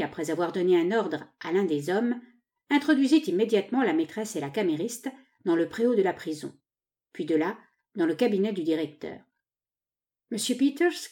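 A woman's voice: mid-range voice, darkish tone. A woman narrating a novel as an audiobook, telling the story expressively.

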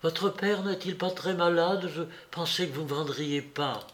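A man reading aloud, voicing a sickly, cowardly young man who speaks in halting, breathless pleas. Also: on the high side, slight background noise, pitched above the performer's own voice, lightly acted. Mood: anxious. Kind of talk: audiobook character reading.

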